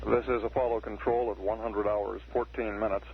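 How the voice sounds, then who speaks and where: A dull archival radio broadcast carries a man announcing mission status. His voice is gravelly and very flat, measured and matter-of-fact. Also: fairly low pitch, slight background noise. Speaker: mission control public affairs announcer. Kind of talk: factual spaceflight status commentary.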